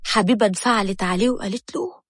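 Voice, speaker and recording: A woman's voice: mid-range voice, lively intonation, fast, a bit bright, no echo, studio quality. Egyptian woman narrating a story.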